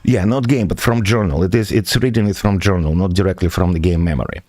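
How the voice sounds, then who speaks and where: Low-voiced man explaining code, dry sound. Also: quick pace, darkish tone, dry recording. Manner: methodical, answers viewer questions, frequent hesitations. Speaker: software developer streaming his project. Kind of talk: live stream tech walkthrough.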